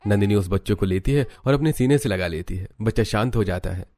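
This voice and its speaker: A deep-voiced narrator tells a Hindi cartoon story from a script, moving a little fast. His delivery is steady and even, in a classic storytelling manner.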